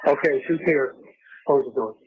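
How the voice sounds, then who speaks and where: An older man speaking on a speakerphone call with his son, halting and full of uh and um fillers. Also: mid-range voice, a little hiss or hum. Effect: heard through a phone line on speaker. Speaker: father on a jail phone call. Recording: muffled phone line.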